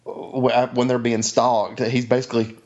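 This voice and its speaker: A man of middling pitch chats about a movie in an excitable, halting way, repeating his words as he goes. His voice comes through slightly dull and lo-fi. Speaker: podcast co-host. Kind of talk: casual chat about films.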